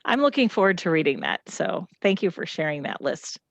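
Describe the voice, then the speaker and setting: At a family night, a middle-aged woman teaching a reading lesson keeps asking the kids and families questions in an encouraging way. She speaks fairly quickly in a fairly low, creaky voice with big pitch swings, captured in a dry recording.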